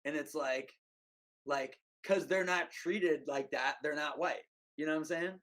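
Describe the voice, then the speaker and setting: A man's voice: fairly high pitch, unhurried, a bit bright. A man chatting as a podcast guest, rambling and emphatic, full of "like" and "you know". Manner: rambling, filler-heavy, emphatic. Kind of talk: casual conversation.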